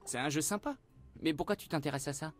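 Sullen defiant teen boy voiced by a woman, deep and rapid, over faint music. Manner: curt, dismissive replies.

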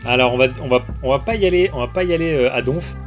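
Talking fast in a mid-range voice, a man gives casual let's-play commentary while streaming a game. He reads the dialogue aloud and reacts with amused asides over a basic mic, with faint background music behind him.

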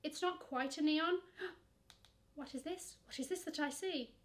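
There's slight background noise as a young English woman speaks at a measured pace in a high voice. She's a fashion vlogger at her camera in a bedroom with shelves of shoes, gushing with sass through luxury online shopping and naming the bags "she."

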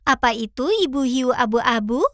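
With a slightly high, natural voice at normal speed, a woman plays a perky, caring young fox who hosts a children's cartoon. Cheerful and curious, she speaks clearly and animatedly to the young viewers, with some background noise present.

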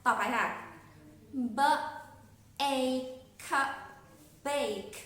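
A woman's voice: a little high, a bit bright. A woman with a Thai accent teaching young children English phonics, spelling each word out letter by letter. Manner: slow, spells words letter by letter. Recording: echoey room, far from mic, faint hiss.

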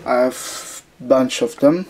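A man giving a casual narrated tour of his indoor collection room, talking haltingly with many fillers and restarts into a handheld camera mic. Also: mid-range voice, darkish tone, a little hiss or hum.

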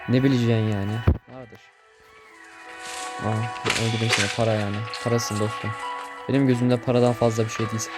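A man's voice: mid-range voice, level tone, a little fast. A young man chatting casually while playing a video game, getting easily startled, swearing and joking at what happens on screen. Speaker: gameplay streamer. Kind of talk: casual gameplay commentary. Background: game music.

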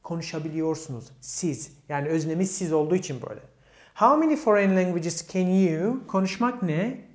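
A man with a high, expressive voice teaches English grammar to Turkish speakers at a normal pace, walking through it step by step. He asks his students questions and then answers them himself, pronouncing the English examples with a Turkish accent. The room is echoey.

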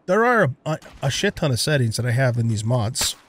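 A man's voice: mid-range voice, very animated, a little fast, a bit bright, a little hiss or hum. A man giving casual gameplay commentary, musing aloud in a rambling way. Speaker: gamer narrating a let's play.

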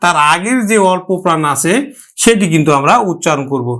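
Man, high voice, Bangladeshi Bengali accent, grammar teacher, step-by-step explaining, slow repeated example words. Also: expressive, fairly bright tone. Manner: addresses students directly, explaining step by step. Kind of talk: online grammar lesson.

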